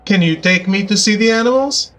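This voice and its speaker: A man's voice: high-pitched, brisk, a bit bright. A man playing a detective game, asking questions in a casual, playful, joking way. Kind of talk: casual gameplay chat.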